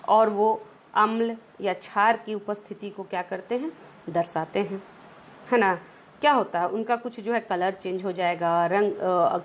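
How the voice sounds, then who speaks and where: A woman teaching a science lesson over slides, often checking in with rhetorical questions and mixing English terms into her explanations. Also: medium pitch.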